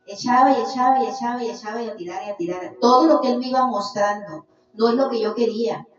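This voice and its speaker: A woman's voice: on the high side, fast, soft background music. Fervent woman in an echoey room. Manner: earnest, calls listener "hermanito". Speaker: podcast guest giving testimony. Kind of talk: fervent religious testimony. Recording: echoey, distant, dull lo-fi sound.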